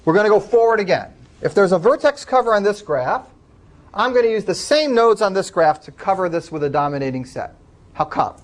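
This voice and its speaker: A man's voice: high-pitched, animated, brisk. A man lecturing a class, explaining step by step and taking student questions.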